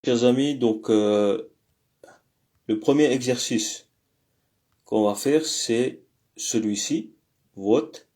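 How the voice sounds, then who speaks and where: A man teaching a language lesson, explaining step by step with patient pauses, frequent fillers and the odd self-correction. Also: medium pitch, darkish tone.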